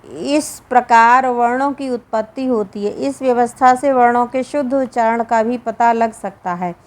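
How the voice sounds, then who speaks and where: A woman with a Hindi accent, reading and explaining a Sanskrit grammar lesson slowly and deliberately, drawing out each sound. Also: on the high side. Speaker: Sanskrit teacher.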